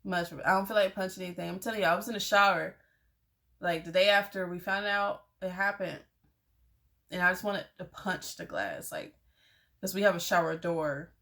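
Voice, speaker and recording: A woman's voice: fairly low pitch, moderate pace, pushed and bright. A young adult woman telling a personal story to her viewers, candid and conversational, with lots of "like" and "y'all". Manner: candid, conversational, uses many fillers like "like" and "y'all". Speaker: vlogger.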